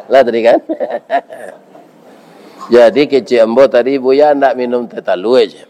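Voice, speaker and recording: Speaking unhurriedly in a dark-toned, mid-range voice with fairly even intonation, an older Minangkabau-accented man delivers a laid-back village sermon. He's folksy and bantering, putting questions to his listeners and repeatedly asking "iya kan?", meaning "right?".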